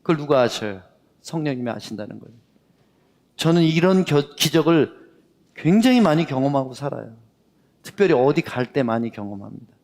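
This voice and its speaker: A man's voice: medium pitch, fairly quick. Korean male preacher in a reverberant hall. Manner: lively storytelling that acts out the dialogue. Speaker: pastor. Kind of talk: sermon with storytelling. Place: worship hall. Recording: long reverb of a worship hall.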